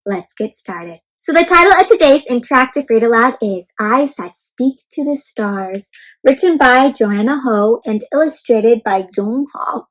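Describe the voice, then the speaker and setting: The audio is poor, but the woman's voice comes through a little high, expressive, and at a measured pace. She hosts an interactive read-aloud for young children, regularly questioning her listeners and calling them friends.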